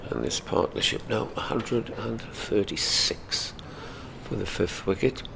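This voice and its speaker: Gravelly, low-voiced male cricket commentator. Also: unhurried, crowd noise. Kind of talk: live cricket commentary, conversational.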